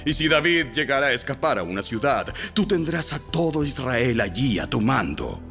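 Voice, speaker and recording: A shrewd royal counselor in a Bible audio drama, persuading with theatrical emphasis. His mid-pitched male voice rises and falls widely over background music. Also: big pitch swings, moderate pace, gravelly, a bit bright. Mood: persuasive, grave. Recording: music behind.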